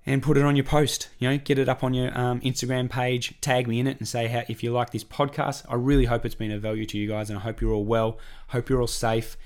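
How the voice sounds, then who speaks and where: An Australian man running a one-person weight-loss podcast talks fast at medium pitch, his delivery flat and his voice croaky and hoarse from a cough. Still, he's encouraging, repetitive and conversational.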